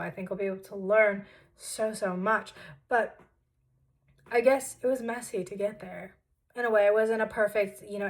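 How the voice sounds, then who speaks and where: A woman in her twenties telling her story in a casual vlog from her childhood bedroom, chatty and self-deprecating with animated asides. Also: medium pitch, poor audio. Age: 20s. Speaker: vlogger.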